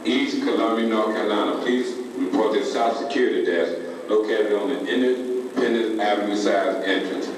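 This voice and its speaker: A man reads a formal announcement over a PA system at a slow, measured pace. His lowish voice booms from far off through a long-echoing museum hall. Background noise sits under the recording. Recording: echoey hall from far off, noisy.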